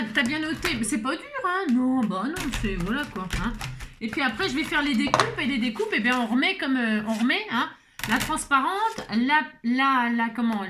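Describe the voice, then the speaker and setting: A fairly high-voiced woman with a French accent chats her way through a card-making project at her craft table. She thinks aloud and laughs at her own fumbles. A faint hiss sits under the recording. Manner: chatty, self-mocking, thinks aloud with many fillers. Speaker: craft video host. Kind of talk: casual crafting demonstration.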